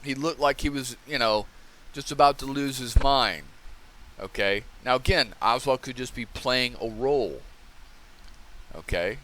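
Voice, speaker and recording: Middle-aged man musing aloud. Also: mid-range voice. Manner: conversational, keeps asking "okay?", acts out scenes loudly. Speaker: podcast host. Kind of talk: casual commentary monologue.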